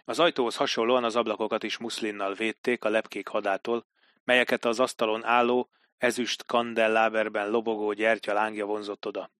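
A man reads an audiobook in a measured, dramatic way, with a forceful, bright tone. The sound is dry and close, with no room around it. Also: on the low side, level tone, clean tone, dry recording. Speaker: audiobook narrator. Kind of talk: scripted narration.

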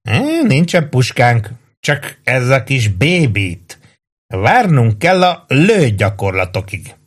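A man reading aloud and voicing a drunk, blustering middle-aged army sergeant who talks loud and drawn out. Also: medium pitch, wildly swooping pitch, pitched above the performer's own voice. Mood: swaggering.

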